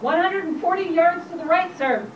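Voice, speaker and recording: A woman's voice: very high voice, moderate pace, muffled recording. A woman playing an alert artillery observer in a radio play, giving tense clipped reports in an echoey, noisy room. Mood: tense, alarmed. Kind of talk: radio drama acting. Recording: echoey, noisy, distant mic.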